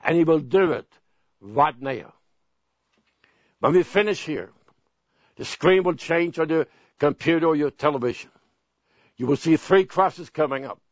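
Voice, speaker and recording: An older man preaching a sermon as pastor, earnest and pleading, repeating phrases slowly. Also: fairly high pitch, lively intonation, no echo. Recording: dull dry broadcast sound.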